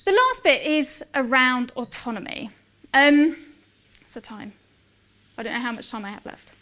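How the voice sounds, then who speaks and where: A woman in her forties giving a lively conference talk, chatty and self-mocking, acting out dialogue in her stories. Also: high-pitched, moderate pace. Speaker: conference speaker.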